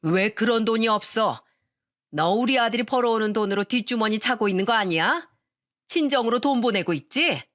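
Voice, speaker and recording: A woman's voice: mid-range voice, expressive, normal speed, a bit bright, no room sound, studio quality, lightly acted. A woman voicing a pushy, scheming middle-aged mother-in-law in a narrated radio story, demanding and accusing.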